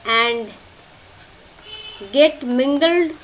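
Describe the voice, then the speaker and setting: A woman teaching a play in a lecture, slowly and emphatically, repeating key phrases for notes. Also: high-pitched, fairly bright tone, a little hiss or hum. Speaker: literature teacher. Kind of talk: lecture explaining a play line by line.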